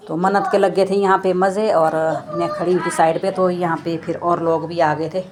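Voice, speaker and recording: A woman's voice: on the low side, flat delivery, normal speed, background noise. A woman in her thirties chatting casually through a family vlog, recounting what she and her children said on an outing. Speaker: vlogger. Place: outdoor play area with rides.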